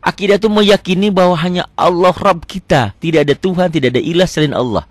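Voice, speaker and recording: A man's voice: high voice, quick pace, no echo. A middle-aged man, teaching prayer recitation and correcting pronunciation line by line. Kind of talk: patient religious lesson.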